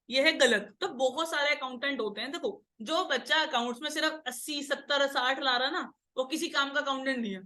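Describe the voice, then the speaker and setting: A woman's voice: sits high, sharp tone. A woman teaching an accounts class, lecturing and drilling students with questions in a scolding, teasing way.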